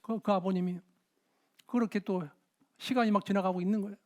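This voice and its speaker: High-voiced animated Korean pastor. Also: male voice, a little fast. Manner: animated storytelling, shouting out quoted dialogue. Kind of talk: sermon with dramatized anecdotes.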